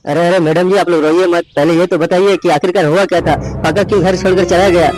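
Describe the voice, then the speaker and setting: A man's voice: high voice, steady tone, fast talker, lightly acted, rough recording. A man voicing a blustering, pompous village police inspector in a Hindi cartoon who rambles with self-importance. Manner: pompous, rambling, rhyming nonsense.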